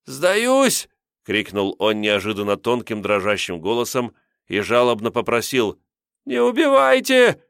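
A man narrating an audiobook in a steady, grave reading style. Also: low voice, smooth, no room sound, studio quality. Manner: steady, grave reading of a wartime crime novel. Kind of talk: scripted narration.

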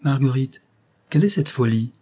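A man's voice: mid-range voice, animated, normal speed, husky. A man reading a storybook who voices an angry colonel raising his voice. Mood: alarmed. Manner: loud outbursts. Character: fiery male colonel, shouting in alarm.

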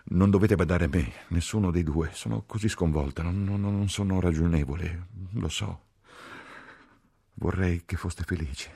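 A man's voice: extremely low pitch, expressive, a little fast, darkish tone, breathy edge, no room sound, clean studio sound, full character voice. A man voicing a distraught, reproachful woman nurse in an audiobook reading. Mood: tearful, distraught. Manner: reproachful, tearful outbursts.

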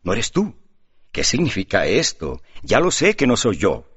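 A man's voice: lowish voice, huge pitch swings, unhurried, a bit bright, breathy edge, no echo, exaggerated voice. Man doing a curt, scornful young brother. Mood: arrogant. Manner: curt and arrogant. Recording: dull lo-fi recording.

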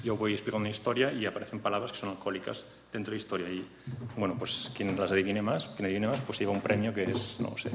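A man's voice: lowish voice, fairly even intonation, quick pace. A man invited to read at a live event, introducing a comic text with hesitant, chatty asides full of fillers. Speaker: invited reader. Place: reading event in a hall. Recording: echoey hall with faint noise.

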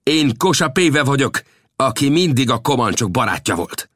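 A gruff, commanding old frontier scout with gray hair, pitched well above his reader's own voice, as a man puts him on. His tone rises and falls widely as he lays down the law. The audiobook reading sounds dry and close. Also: very animated, a bit bright, no echo. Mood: boastful.

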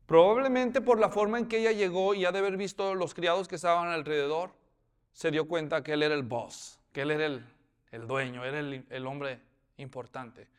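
Animated preacher, high clear voice. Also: male voice, normal speed. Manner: animated, acts out scenes with voices and asks the listeners questions. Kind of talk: expository sermon.

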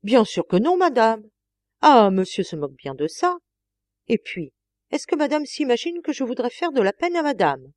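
A woman's voice: fairly high pitch, very animated, normal speed, no room sound, voice pushed up. A woman reading an audiobook, voicing a bold young chambermaid who talks brazenly and coaxingly. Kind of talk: audiobook character voice.

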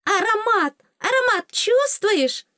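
Woman putting on a squeaky cheeky tooth fairy. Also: unhurried, no echo, studio quality, exaggerated voice. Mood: excitable. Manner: squeaky, excitable, teasing. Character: small cheeky giggling female tooth fairy. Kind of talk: audiobook character voice.

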